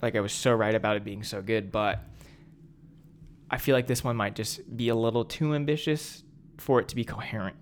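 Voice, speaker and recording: A young male podcast co-host with a lowish voice talks briskly and eagerly about films and music in a casual chat. He comes across as enthusiastic, chatty, and self-aware, over a little hiss or hum.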